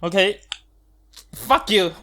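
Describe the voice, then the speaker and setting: A man's voice: high-pitched, slow, bright, forceful tone. Male podcast co-host; casual and argumentative, swears when rattled. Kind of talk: casual chat.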